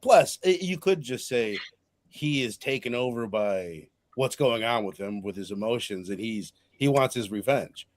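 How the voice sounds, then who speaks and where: A man's voice: medium pitch, lively intonation, a little slow, dry recording. Chatty man hosting a movie review. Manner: chatty, acts out quotes. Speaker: movie review stream host. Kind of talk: casual live-stream chat.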